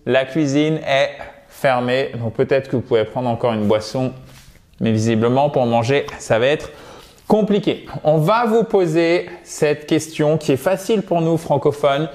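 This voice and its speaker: A French-speaking man teaches English in a video lesson, explaining and modelling pronunciation. In a mid-range, darkish voice, he drills words by repeating them slowly and keeps asking "ok?".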